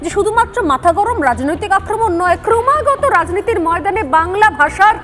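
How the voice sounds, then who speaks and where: Fast, very high-voiced woman debate anchor. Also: animated, fairly bright tone, soft background music. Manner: assertive, presses panelists with rapid repeated questions. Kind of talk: live TV panel debate.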